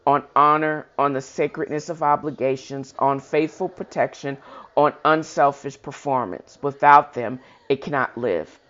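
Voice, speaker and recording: The host of a reading show reads a historical speech aloud in a medium-pitched, fairly bright voice at normal speed. Informal commentary is mixed in, with occasional stumbles and self-corrections, and the recording has a dull, lo-fi sound.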